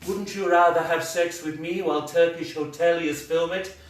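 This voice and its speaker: Man putting on seductive lady spy, coy and breathy, distant stage sound. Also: a little high, fairly even intonation, normal speed, reverberant, a little hiss or hum, lightly acted.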